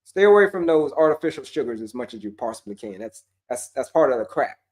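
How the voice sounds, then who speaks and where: A man coaching on diabetes answers viewer questions casually and emphatically, repeating his points, dropping slang and calling his audience folks. His voice is medium-pitched, with lively intonation and a quick pace.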